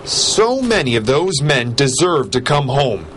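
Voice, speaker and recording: An American man narrating a scripted television news report with a dramatic, deliberate storytelling delivery. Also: medium pitch, big pitch swings, background noise.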